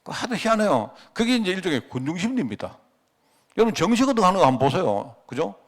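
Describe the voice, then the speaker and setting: Animated Korean pastor preaching. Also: male voice, sits high, quick pace. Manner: conversational preaching with rhetorical questions and anecdotes; acts out quoted dialogue. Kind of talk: sermon at a Friday prayer meeting.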